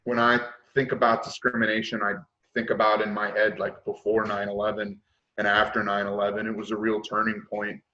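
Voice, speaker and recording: On the low side and monotone, this man's voice is fairly quick, pushed and bright. He's in his late thirties, guesting on a podcast for a casual chat where he speaks frankly and reflectively with many "uh" hesitations, recorded on a dull lo-fi mic.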